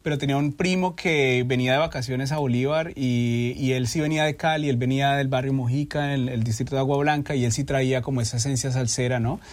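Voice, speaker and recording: A man with a Colombian accent, a guest talking casually in a studio interview, relaxed and thoughtful with frequent tag questions. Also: medium pitch, quick pace, hardly any pauses. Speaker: guest, DJ and festival co-organizer.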